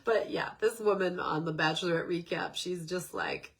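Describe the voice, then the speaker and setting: Her voice is on the low side and creaky, at a moderate pace, and nasal from a stuffed-up nose. This middle-aged woman hosts a podcast, chatting and rambling through self-help topics with plenty of fillers.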